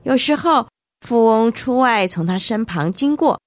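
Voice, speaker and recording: A woman narrating a Bible story for children, animated and speaking directly to the young listeners. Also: fairly high pitch, a little slow, no echo, studio quality.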